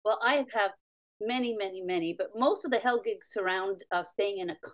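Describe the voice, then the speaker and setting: Female comic guest, middle-aged, from Canada, average pitch, casual wry storytelling. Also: a little fast. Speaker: comedian guest. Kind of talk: casual anecdote telling.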